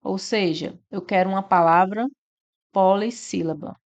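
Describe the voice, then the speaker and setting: A woman's voice: mid-range voice, unhurried, muffled recording. A woman, teaching an exam-prep lesson and walking through each answer step by step with frequent tag questions.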